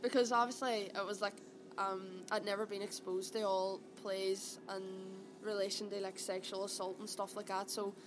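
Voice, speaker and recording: A woman's voice: mid-range voice, level tone, moderate pace, hardly any pauses, over music. A young woman with a Derry accent from Northern Ireland, chatting casually and colloquially as an actor being interviewed. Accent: Derry, Northern Irish. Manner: chatty, colloquial, peppered with "aye" and "like". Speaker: actor interviewed about a play. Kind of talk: casual chat. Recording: clearly noisy background ambience.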